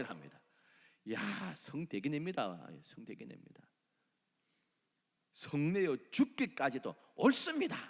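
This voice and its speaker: A middle-aged man with a Gyeongsang Korean accent preaching a sermon as pastor, with animated delivery and dramatic quoted voices. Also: mid-range voice, in a large hall. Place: church sanctuary.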